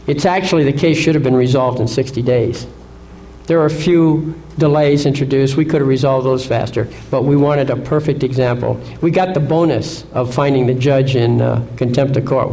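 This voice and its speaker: A man's voice: mid-range voice, normal speed, warm tone, low-quality recording. A man lecturing an audience in an assertive way, often asking rhetorical questions and checking in with "Okay?". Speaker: seminar speaker.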